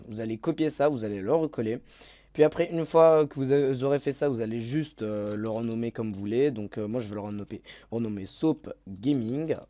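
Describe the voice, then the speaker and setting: A man's voice: mid-range voice, moderate pace, dark tone, dry recording. A man giving a casual video game tutorial voice-over, hesitant, with many fillers and self-corrections. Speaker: gaming tutorial YouTuber.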